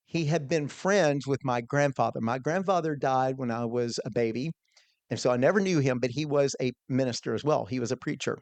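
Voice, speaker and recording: A man's voice: mid-range voice, brisk, dry recording. A middle-aged man, a small business owner, telling a personal story in an earnest, conversational way, often restarting his words.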